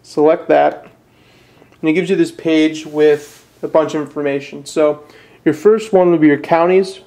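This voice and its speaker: A young man with a Midwestern American accent, from northern Illinois, explains a process step by step while seated at a desk indoors. He's an amateur presenter who speaks plainly, casually, and with a bit of hesitation. His voice is on the high side and dark, with fairly even intonation at a moderate pace.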